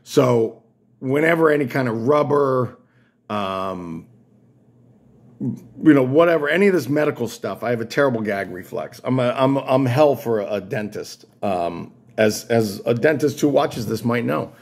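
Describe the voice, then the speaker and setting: A man's voice: medium pitch, expressive, a little slow, husky. A man vlogging, telling a story casually in a rambling, wry way with frequent restarts. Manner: rambling, self-interrupting, wry.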